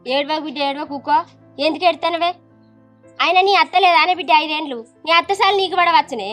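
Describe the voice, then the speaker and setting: An actress with a Telangana Telugu accent playing an older mother who hushes and consoles her family. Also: sits high, quick pace, soft background music. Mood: consoling. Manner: soothing, hushing, scolding gently.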